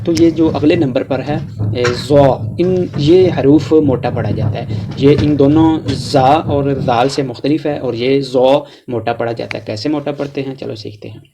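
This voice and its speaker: A man with a Pakistani Urdu accent teaching a tajweed lesson, explaining letter sounds and drawing out each letter slowly as he drills them. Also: mid-range voice, creaky, noisy background. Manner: slow, drawn-out recitation of letters between plain explanations. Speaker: Quran reading teacher.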